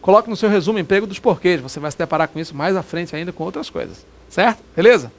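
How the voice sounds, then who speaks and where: High-voiced Brazilian man teaching grammar. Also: lively intonation, fast, creaky, slight background noise. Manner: chatty, repeats examples, keeps checking understanding. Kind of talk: exam-prep video lesson.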